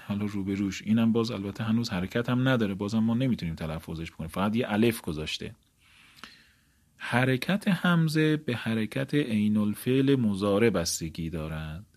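A man's voice: on the low side, darkish tone. A man teaching an Arabic grammar lesson. He reads from a textbook and explains each step, often asking a question and then answering it himself. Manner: step-by-step, asks and answers his own questions; reads textbook lines, then explains them in his own words.

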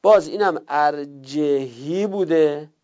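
A man teaching a class step by step, drawing out key terms slowly and checking his students' notes, heard on a dull lo-fi recording. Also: a little high, a little mellow. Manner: slow drawn-out repetition of terms. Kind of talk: classroom lesson on Arabic word roots.

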